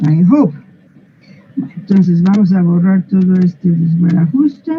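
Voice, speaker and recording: A woman's voice: lowish voice, expressive, slow pace, lo-fi sound, slight background noise. A woman, explaining English pronunciation to a class in a patient, playful way and asking them questions. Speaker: English teacher.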